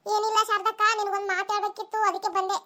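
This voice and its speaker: A scheming cartoon village neighbor who passes on gossip in a very high, bright voice, as a woman voices her. She speaks with a North Karnataka Kannada accent. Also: little pitch movement, quick pace. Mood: sly. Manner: confiding, gossipy.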